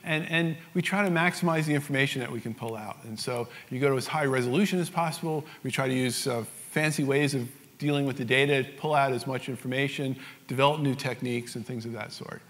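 A man's voice: mid-range voice, fast, a bit bright. A man with a New York accent giving a technical science lecture, explaining step by step with many fillers and restarts. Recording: reverberant lecture hall.

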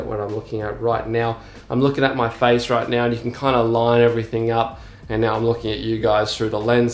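Young male vlogger, relaxed gear-review delivery, filler-heavy, at home on a camera-mounted mic. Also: medium pitch. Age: young adult. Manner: relaxed, explanatory, frequent ums and uhs. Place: small home room and garage, indoors. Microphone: handheld camera with top-mounted shotgun mic.

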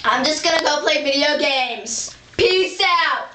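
A woman's voice: high-pitched, measured pace, pushed and bright. A woman playing a cool, slangy guy pet. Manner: offhand, slangy. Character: cool, aloof male bachelor pet. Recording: roomy distant home recording, faint hiss.

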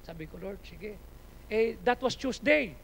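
Gravelly high-voiced Filipino preacher. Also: male voice, animated, measured pace, low-quality recording. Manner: preaching in Taglish, swinging from quiet asides to loud, high-pitched exhortation. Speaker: pastor. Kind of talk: sermon.

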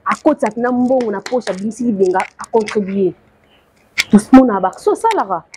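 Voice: mid-range voice, fairly quick, a little mellow. A speaker in a casual conversation, giving short prompting replies and frequent hums. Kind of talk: casual conversation mixing languages. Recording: faint background noise.

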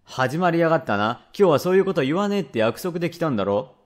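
A man voicing a rough, quick-tempered father from old Edo, speaking blunt old Edo Tokyo speech in a rakugo tale. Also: medium pitch, very animated. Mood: irritated. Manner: gruff, blunt, grumbling. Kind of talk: rakugo storytelling.

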